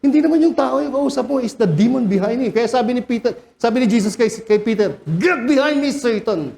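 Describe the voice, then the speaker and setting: A man preaching a sermon as pastor, animated, joking and shouting out rebukes. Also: very high voice, fast, vocal fry. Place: church sanctuary.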